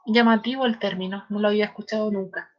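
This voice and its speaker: A woman with a Chilean accent teaching a chemistry class online, patient and repeating terms slowly for her students. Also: medium pitch, fairly even intonation. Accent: Chilean Spanish. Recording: slightly dull lo-fi online class audio.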